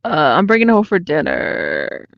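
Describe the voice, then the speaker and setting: Woman playing a surfer-dude vampire guy, drawling, deep put-on voice, gravelly. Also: huge pitch swings, moderate pace, no echo, full character voice. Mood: laid-back. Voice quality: drawling, full of "uh" fillers. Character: laid-back young male surfer-dude vampire. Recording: dull, lo-fi sound.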